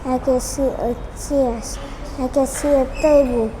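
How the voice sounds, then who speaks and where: High-voiced woman, slow beginner english, halting, noisy background. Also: fairly even intonation. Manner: halting, repeats simple sentence patterns. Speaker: English student. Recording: background noise.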